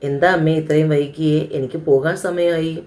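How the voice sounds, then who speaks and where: A woman voicing a gentle young widowed father who answers his mother in a patient, quietly firm way, in an audio storybook. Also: fairly high pitch, fairly even intonation, moderate pace, close to an everyday voice. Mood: earnest.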